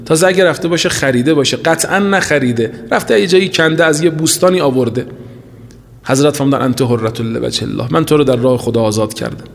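A man's voice: medium pitch, vocal fry. Fervent preacher man in echoing hall. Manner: fervent, swings between rising cries and slow hushed lines, recites scripture. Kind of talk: impassioned religious sermon. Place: large holy shrine hall. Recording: long hall reverb.

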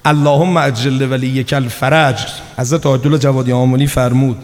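A man preaching a sermon, telling stories and acting out the dialogue, with swings between loud urging and hushed, low asides. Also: flat delivery. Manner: storytelling, acting out quoted dialogue. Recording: long reverb of a large hall.

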